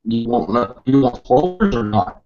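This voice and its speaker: A man heard over a dull, lo-fi call line that cuts in and out. His voice sits at an ordinary middle pitch, and he chats casually in short agreeing replies. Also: sing-song, normal speed, a little mellow, faint music behind. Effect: heard over a remote call line that breaks up. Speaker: guest film reviewer. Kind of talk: casual chat.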